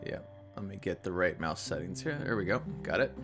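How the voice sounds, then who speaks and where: A man with a low, nasal voice talks a little fast over music, groggy and sleepy after just waking up. He's streaming a game and gives relaxed, rambling commentary packed with fillers.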